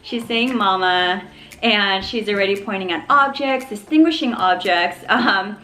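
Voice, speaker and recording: A woman's voice: mid-range voice, a little slow, sharp tone, a little hiss or hum. A young woman vlogging a cheerful update about her baby at home, chatty and upbeat, sometimes mimicking baby sounds. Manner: chatty, upbeat, addresses viewers as you guys. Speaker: mom vlogger. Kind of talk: casual baby update vlog. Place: home living room.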